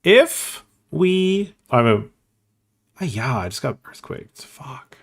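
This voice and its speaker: A man's voice: mid-range voice, sing-song, slow pace, slightly rough. A man streaming online poker, thinking aloud in casual, self-mocking commentary and swearing freely.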